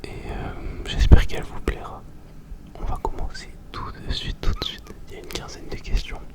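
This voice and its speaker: A young man doing ASMR, chatting informally in a breathy whisper right in the listener's ear, very close to the microphone. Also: extremely high pitch, normal speed. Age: young adult. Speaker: ASMR video host. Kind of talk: ASMR, informal question-and-answer chat.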